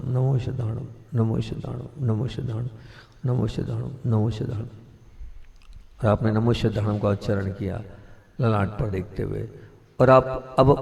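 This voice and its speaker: A man, a Jain monk, guiding a mantra meditation class with slow, repetitive instructions and hushed chanting. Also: medium pitch, in a large hall.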